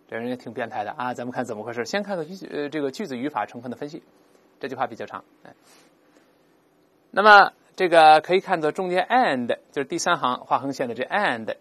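Male English teacher, animated and fairly high-pitched, walks through grammar patiently. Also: no echo. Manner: explains grammar step by step, has students read aloud. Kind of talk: recorded language lesson.

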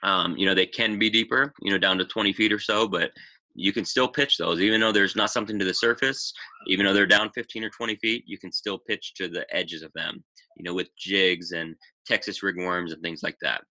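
A man's voice: low voice, fairly even intonation, brisk, sharp tone. A man in his thirties casually presenting a fishing webinar over slides, full of "you know" and "um" fillers, recorded on a webcam mic in a small room. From Pacific Northwest, United States.

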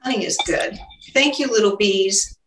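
A woman's voice: medium pitch, normal speed, background noise. Older lady talking thru a recipe in her kitchen, roomy echo, a bit far off mic. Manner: chatty, explains each step aloud. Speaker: home cooking host. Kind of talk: casual cooking demonstration. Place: home kitchen, indoors. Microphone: camera mic at a distance. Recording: echoey kitchen, distant mic.

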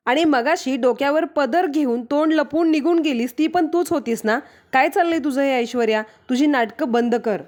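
A woman's voice: high-pitched, lightly acted. A woman reading as an angry young daughter-in-law. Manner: accusing, scolding, pleading.

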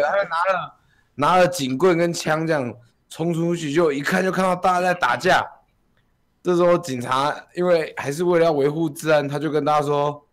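A male streamer laughing through a playful, improvised story relay with friends. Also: fairly high pitch.

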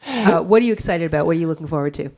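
A woman's voice: low-pitched, animated, very fast, a little mellow. A woman co-hosting a casual chat, putting in brief prompts and questions. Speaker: co-host sidekick.

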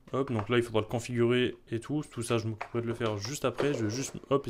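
A man reviewing a phone in a relaxed, chatty way, often repeating words. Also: mid-range voice, a little hiss or hum. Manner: chatty, repeats "très, très" and "hop". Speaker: tech reviewer. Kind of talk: product review vlog.

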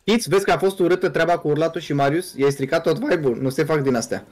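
A young man from Romania streaming a game, chatting casually and reading viewer questions out to his friends. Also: a little high. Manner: relaxed, reads chat questions out to friends. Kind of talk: casual gaming chat on a live stream.

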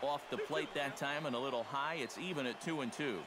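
A man playing a steady, polished play-by-play baseball announcer in a sports video game. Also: medium pitch, noisy background, lightly acted. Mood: steady, engaged. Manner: polished, measured broadcast delivery. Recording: loud stadium ambience behind the voice.

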